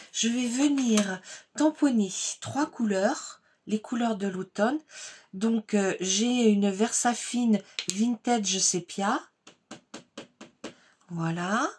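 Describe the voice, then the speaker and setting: Slow, chatty woman demonstrating crafts. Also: fairly high pitch, slight background noise. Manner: chatty, unhurried, many fillers and "voilà". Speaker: card-making tutorial host. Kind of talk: casual step-by-step craft tutorial.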